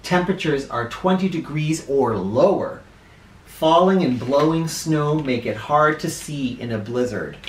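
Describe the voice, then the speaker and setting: Hosting a children's read-aloud with spoken asides, a middle-aged American man with a fairly high voice uses very animated, swooping intonation. He goes slowly and leans into words for dramatic emphasis. A camera records the roomy sound of the small living room.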